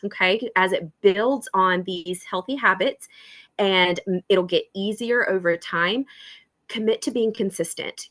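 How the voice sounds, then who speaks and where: A woman's voice: mid-range voice, a bit bright. A woman hosting a welcome call for new members, chatty and encouraging. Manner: encouraging, chatty, acts out little dialogues.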